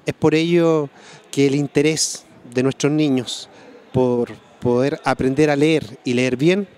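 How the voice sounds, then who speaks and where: A man giving a formal, somewhat halting interview statement as a school official. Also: medium pitch, fairly even intonation, darkish tone.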